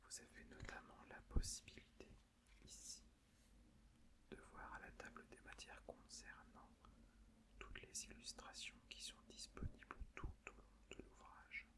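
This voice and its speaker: A woman presenting softly in an unvoiced, hushed library whisper, explaining things carefully in an ASMR style. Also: unhurried. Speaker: ASMR video host.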